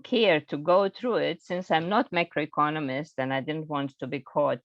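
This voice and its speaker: A woman's voice: deep voice, normal speed, no echo, highs cut off. A woman trade economist speaking on an academic panel, gracious and self-deprecating, over a video call.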